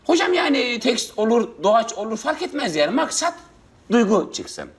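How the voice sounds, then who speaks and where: A man's voice: extremely high pitch, big pitch swings, moderate pace. A man in his forties from Turkey, an actor at an audition in a sitcom, overly polite and stammering with fillers. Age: 40s. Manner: bursts into shouted raging rant. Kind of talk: sitcom acting.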